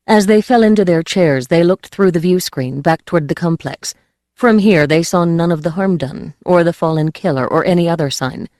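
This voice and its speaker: An audiobook narrator tells the story in a steady, measured voice. The pitch sits in the middle. The sound is close and dry, with no room echo.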